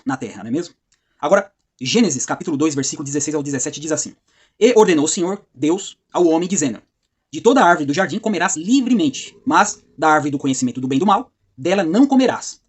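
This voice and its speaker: A man giving an informal Bible study, talking conversationally with frequent tag questions and slowing down to read scripture passages aloud. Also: on the high side, slightly rough. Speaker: Bible teacher.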